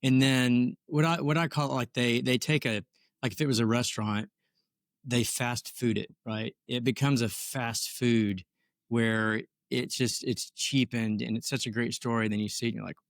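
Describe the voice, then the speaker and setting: A man's voice: mid-range voice, steady tone, moderate pace, no echo, studio quality. A man hosting a podcast interview, laughing often and reacting eagerly. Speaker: podcast host. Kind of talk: casual interview chat.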